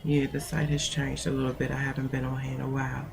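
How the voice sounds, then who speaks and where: Over a noisy background, a stuffy-nosed woman who works as a mentoring coach talks quickly in a rumbling low, creaky monotone. She rambles casually with many fillers and reads aloud from notes she wrote herself.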